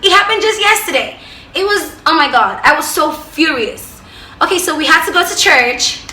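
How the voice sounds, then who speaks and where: Bright, high-voiced young Nigerian woman. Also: moderate pace, echoey room. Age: young adult. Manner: animated storyteller who swings from loud outbursts to hushed asides. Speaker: vlogger. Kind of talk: storytelling to camera.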